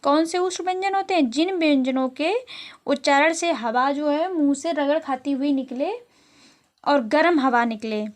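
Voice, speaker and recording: A woman with a high voice is giving an exam-prep lesson. She reads out each question, explains the answer, and goes over the key terms a second time. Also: normal speed. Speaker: teacher.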